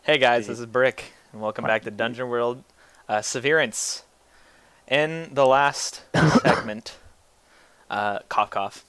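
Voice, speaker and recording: A man runs a tabletop game as its master, narrating casually and with wry teasing. His voice is bright and crisp, in a dry, close sound. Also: medium pitch, no room sound.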